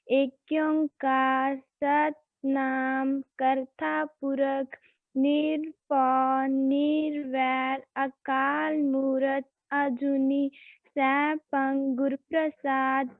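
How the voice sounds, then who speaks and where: A woman chanting a prayer in a steady, rhythmic recitation. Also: high-pitched, no room sound. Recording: phone-like dry online call.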